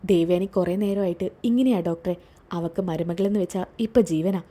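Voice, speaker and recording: A woman voicing a steady middle-aged husband who firmly soothes his wife. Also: fairly low pitch, brisk, close to an everyday voice. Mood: soothing. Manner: soothing, firm.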